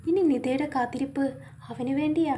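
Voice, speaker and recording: A gentle, remorseful older man about to become a grandfather, pleading softly and consoling, read by a woman storyteller in her own fairly high voice. The storybook tone stays close and calm. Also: normal speed, slight background noise, lightly acted.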